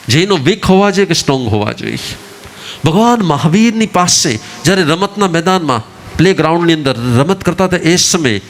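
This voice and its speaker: A man delivers a sermon in a somewhat high voice. He preaches with lively swings of pitch and keeps firing rhetorical questions at his listeners. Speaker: Jain preacher.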